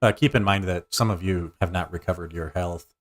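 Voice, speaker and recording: A man narrating as game master of a tabletop game, slow and drawn-out. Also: low voice, a little hiss or hum.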